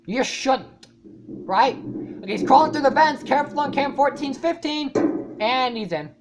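A woman YouTuber talks through a reaction video in a casual, rambling way. Her voice sits a little high, and she curses freely and breaks into loud startled outbursts. A faint hiss runs under the recording. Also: lively intonation, moderate pace. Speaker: YouTuber reacting to a fan animation.

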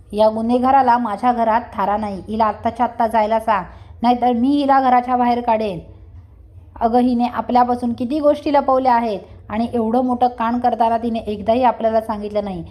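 A woman voicing a furious wealthy father who scolds and shouts as the stern head of the house. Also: fairly high pitch, close to an everyday voice.

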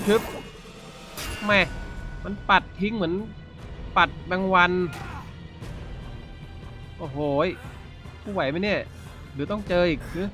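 A man giving excitable play-by-play commentary while playing a video game, with game music behind. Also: sits high. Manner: excitable, exclaims and narrates gameplay. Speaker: gaming YouTuber.

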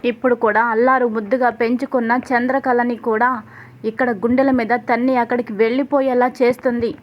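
This is a stern, stubborn older family head, furious and defiant in a storybook retelling, spoken by a woman. The voice stays high and even. The recording is slightly dull. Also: fairly quick, a little hiss or hum, natural voice. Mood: angry refusal. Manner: angry, defiant.

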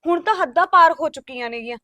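A woman's voice: high voice, expressive, quick pace, pushed and bright, dry recording. An actress playing an exasperated sister-in-law in a Punjabi village drama, insisting a woman be thrown out of the house. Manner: insistent, complaining. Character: fed-up sister-in-law demanding eviction. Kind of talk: rural village drama acting.

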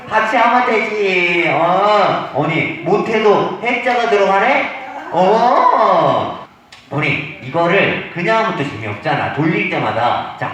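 A man leading older women through an arm-swinging game, coaxing them along and counting out loud. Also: sits high, very echoey, far from the mic, low-quality recording. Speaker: senior recreation instructor. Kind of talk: leading a seniors' movement game.

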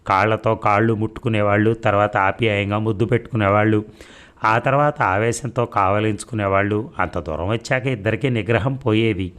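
A man narrating an audio story in a steady, measured reading. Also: lowish voice.

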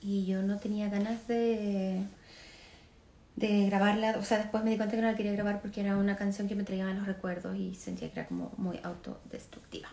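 A woman in her thirties chatting casually with fans on a phone livestream from her living room, relaxed and chatty, laughing often and trailing off with fillers. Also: mid-range voice, brisk. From Chile. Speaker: singer answering fans on a livestream. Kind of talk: casual chat reading comments. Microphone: phone camera at arm's length.

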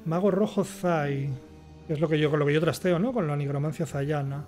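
A man's voice: fairly high pitch, fairly even intonation, quick pace, darkish tone, faint music behind. A man with a Castilian Spanish accent reading game text aloud and commenting casually, with wry asides. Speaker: gamer playing and commenting.

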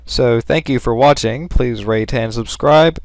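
A man's voice: medium pitch, a little slow, no room sound, studio quality. Sarcastic man playing a game. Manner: sarcastic, joking asides. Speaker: let's play host. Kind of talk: casual gameplay commentary.

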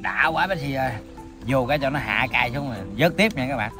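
Sitting on the ground outdoors among greenery, a mukbang host in his thirties with a southern Vietnamese accent chats casually to viewers as he eats, his mouth burning from the spicy food. His mid-range voice has lively intonation and a fairly quick pace, and music plays in the background.

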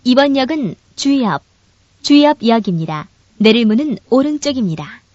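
High-voiced woman making train station announcements. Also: animated, moderate pace, a little mellow, dry recording. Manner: formal, courteous scripted delivery. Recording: dull, lo-fi recorded train announcement.

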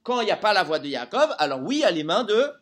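Animated man teaching a Torah lesson. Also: high-pitched, fast talker. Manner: animated, quizzes listeners with rhetorical questions. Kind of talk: live Torah lesson to a group.

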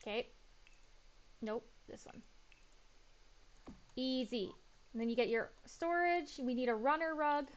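A woman with a slightly high voice talks her way through a building game in loose, casual commentary. She thinks aloud, mutters and second-guesses herself as she goes. The recording is a little muffled and lo-fi. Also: animated, a little slow, long pauses. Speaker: gaming YouTuber.

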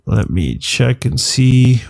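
A man's voice: mid-range voice, expressive, slow pace, creaky, darkish tone, no echo. A man hosting a gaming channel, congested from the flu, rambling and correcting himself as he talks through a video game. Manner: rambling, self-correcting, thinking aloud. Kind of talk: casual gameplay commentary.

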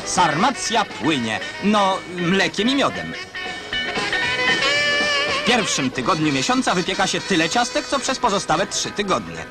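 A man's voice: high-pitched, wildly swooping pitch, unhurried. Ironic old-newsreel narrator, man, over music. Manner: wry, ironic commentary. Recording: narration under loud music.

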